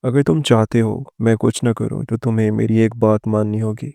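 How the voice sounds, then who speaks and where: A man voicing a scheming older sister who makes angry threats, in a low, flat, gravelly voice. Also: dry recording, studio quality. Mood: furious.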